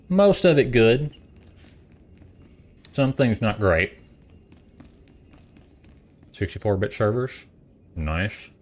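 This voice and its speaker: A young adult man casually chatting while streaming a game, rambling and eating as he talks. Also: lowish voice. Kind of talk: casual gaming stream chat.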